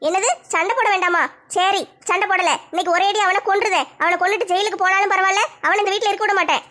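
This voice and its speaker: A woman's voice: very high-pitched, steady tone, fast talker, sharp tone. A woman voicing a fierce, hot-tempered middle-aged mother who scolds and threatens. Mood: fiery.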